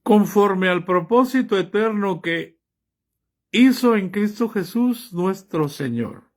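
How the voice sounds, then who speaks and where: A man's voice: high voice, expressive, slow pace. A man preaching a sermon, reading scripture aloud and pressing his listeners with rhetorical questions. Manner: reads scripture aloud and comments on it.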